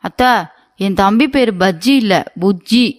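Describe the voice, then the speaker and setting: A woman's voice: mid-range voice, unhurried, natural voice. A woman voicing a sulky, demanding young wife in a cartoon comedy, pleading and whiny.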